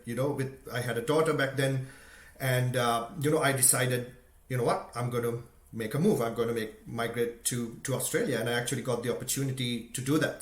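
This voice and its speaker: A man from Sri Lanka giving an earnest, conversational motivational talk, full of "you know" and "right?". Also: mid-range voice. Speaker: motivational speaker. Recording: echoey room.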